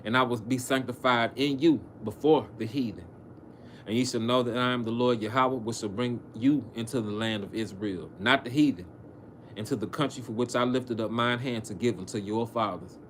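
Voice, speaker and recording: A man reading scripture on a livestream, with casual, profane asides and halting, filler-laden commentary. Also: mid-range voice, a little hiss or hum. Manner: halting, frequent fillers and restarts. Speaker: preacher on a livestream.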